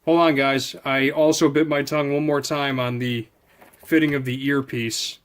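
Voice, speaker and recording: Handling items on camera, a male product reviewer talks through an unscripted unboxing at normal speed. His mid-range voice is clean and level in tone, and he rambles casually, thinking aloud as he goes.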